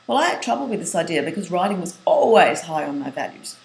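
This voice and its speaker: A woman's voice: lowish voice, sing-song, fast talker, vocal fry. A middle-aged woman, a writing coach, giving a webinar lesson in an earnest manner, listing points and sometimes restarting phrases. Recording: roomy echo, faint hiss.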